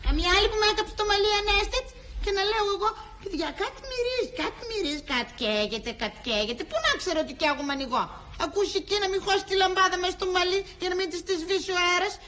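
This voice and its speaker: A high-voiced, bickering village wife complaining and nagging at her husband, with a light hiss of background noise. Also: bright, forceful tone.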